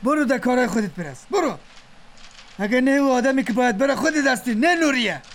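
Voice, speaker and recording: A man's voice: very high-pitched, expressive. An actor with an Afghan Dari accent playing a commanding middle-aged male company boss and father. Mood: scolding. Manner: commanding, scolding.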